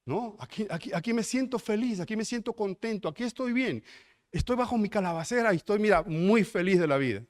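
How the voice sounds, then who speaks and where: A man's voice: high voice, lively intonation, a little fast, no echo, clean studio sound. Preacher playing a smug stubborn man. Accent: Mexican. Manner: stubborn, self-satisfied. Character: smug complacent man refusing to budge.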